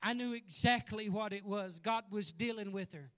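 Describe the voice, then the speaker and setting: A man preaching a sermon as an evangelist, telling a folksy story and building to loud exhortation. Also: sits high, normal speed.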